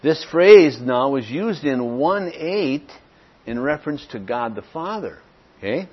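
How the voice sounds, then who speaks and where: A male pastor works through an evening Bible study handout, reading Scripture aloud and often asking "okay?". His voice is somewhat husky, at an ordinary middle pitch. The recording sounds dull and lo-fi. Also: animated, measured pace. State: clears throat now and then.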